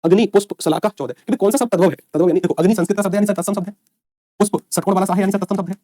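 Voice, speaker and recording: A man's voice: high voice, fairly even intonation, very fast, dark tone, no echo, clean studio sound. A man teaching an online exam-prep lecture, quizzing his students and answering his own questions, with folksy asides.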